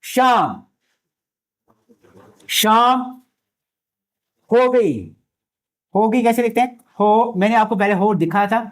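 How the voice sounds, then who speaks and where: Male language teacher with a high voice, patient and repetitive, slowly spelling out letters for a classroom lecture. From India. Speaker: Urdu teacher.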